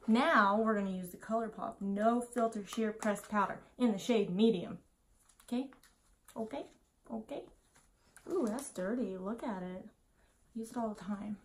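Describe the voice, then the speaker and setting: A woman's voice: medium pitch, moderate pace, long pauses, slight background noise. A woman in her twenties, tipsy from wine, chatting casually and scatterbrained through a makeup tutorial, muttering self-deprecating asides to herself. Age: 20s. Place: small indoor room at home.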